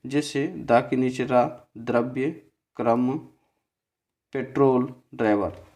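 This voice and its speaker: This man teaches grammar from a slide, breaking it down step by step and frequently checking on his listeners with "theek hai." His medium-pitched voice is fairly even in intonation and a bit mellow, and his delivery is slow and repetitive, with syllables spelled out slowly.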